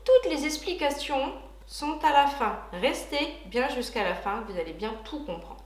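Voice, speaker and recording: A woman's voice: sits high, very animated, unhurried, roomy sound. A woman beauty vlogger chatting casually and enthusiastically through a product unboxing, with frequent hesitations.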